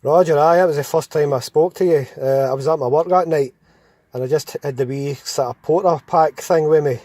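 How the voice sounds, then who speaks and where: A man's voice: a little high, fairly quick, mellow, no room sound. A Scottish man telling casual anecdotes in an over-CB-radio chat, rambling and enthusiastic.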